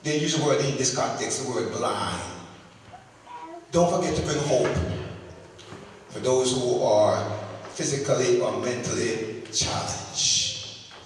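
A middle-aged man preaching a sermon on a handheld mic, calling for answers from the congregation and swinging between loud peaks and low asides. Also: takes it slowly, pauses often, a little hiss or hum. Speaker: pastor. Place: large church sanctuary with a choir behind him. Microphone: handheld microphone. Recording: very echoey, long hall reverb, distant camera mic.

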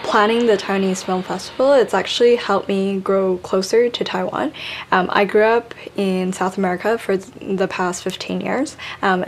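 A woman's voice: medium pitch, a little hiss or hum. A young woman festival organizer speaking reflectively in an interview. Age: young adult.

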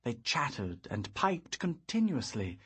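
A man reading a fantasy audiobook in the first person, with measured, reflective storytelling. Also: mid-range voice, sing-song, fairly bright tone, husky. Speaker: audiobook narrator.

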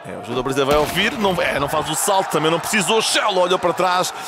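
High-pitched, excitable Portuguese male esports caster. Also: rapid-fire, crowd noise. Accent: European Portuguese. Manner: excitable, rising with the action. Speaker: esports play-by-play commentator. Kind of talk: live esports match commentary. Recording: clear noise behind, game ambience.

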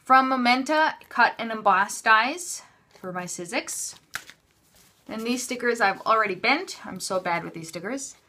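This woman's voice sits fairly high and sounds pushed and bright, expressive, and a touch slow, with a little background noise. A craft haul vlogger, she does a casual, unscripted show-and-tell indoors at a craft table. She's chatty and offhand, often interrupting herself while showing things.

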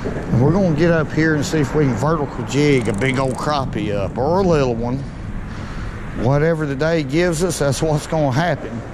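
A man's voice: on the high side, moderate pace. A middle-aged man, giving casual folksy commentary while fishing from a small boat, recorded on a body-worn action camera. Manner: folksy, excitable when fish bite. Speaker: fishing vlogger. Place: small boat on a lake under a bridge, outdoors. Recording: outdoor noise on action cam.

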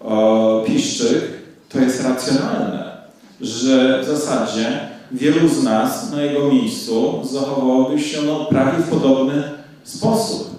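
A man giving a spoken lecture on film as a scholar, measured and reflective with frequent hesitations. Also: mid-range voice, a little mellow, recorded from a distance. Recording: very echoey room, voice off-mic.

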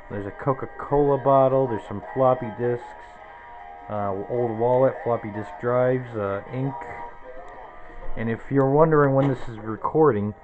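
A man's voice: mid-range voice, narrow, tinny audio. A man in his twenties giving a casual, rambling tour of his small cluttered bedroom, naming objects one after another into a handheld camera. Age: 20s. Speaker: vlogger. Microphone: handheld camera close to the face.

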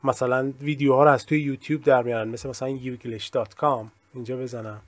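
In this recorded screen-share lesson, a man whose native language is Persian teaches English in a steady, mid-range voice. He explains things thoroughly, adding humble side remarks and lots of examples.

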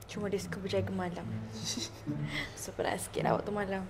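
A woman's voice: mid-range voice, normal speed, very noisy. A young woman with a Malaysian Malay accent, a mother chatting casually in a family vlog and soothing her baby. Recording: music playing over the talk.

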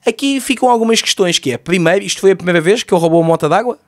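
Rapid, sarcastic man. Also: high-pitched, background noise. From Lisbon, Portugal. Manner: sarcastic, profane, exasperated. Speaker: comedian. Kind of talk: comedic TV recap rant.

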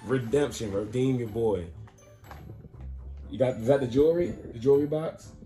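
A man's voice: mid-range voice, moderate pace, mellow, faint music behind. A man casually teasing his girlfriend at home with playful, insistent slang during a prank. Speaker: prankster boyfriend, channel host. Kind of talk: casual prank vlog banter. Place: home, indoors.

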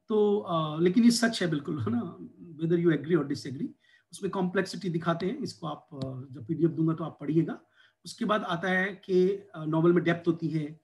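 A man's voice: fairly high pitch, a little mellow. A man from India lecturing on English literature for exam preparation, switching between Hindi and English with an Indian accent and frequent fillers.

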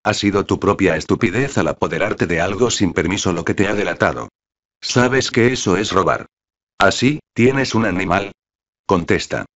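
A man's voice: deep voice, lively intonation, normal speed, a bit bright. A man voicing a stern, wealthy middle-aged father who questions his son firmly. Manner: firm, interrogating. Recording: dull lo-fi audiobook recording.

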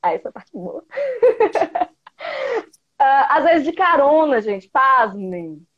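With a high voice that swoops wildly in pitch, a woman in her thirties speaks slowly as a guest on a video call, using an earphone headset mic from a small indoor room. She teaches biology, comes from interior Bahia with a Bahian Brazilian Portuguese accent, and is chatty, playful and full of gestures. The sound is lo-fi.

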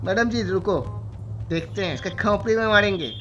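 A man's voice: high voice, a little fast, over loud music. A man gamer pranking a stranger in voice chat, talking in a playful, teasing, flirty way. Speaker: gamer streamer. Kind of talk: prank voice chat in a shooter game. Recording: noisy game-chat audio.

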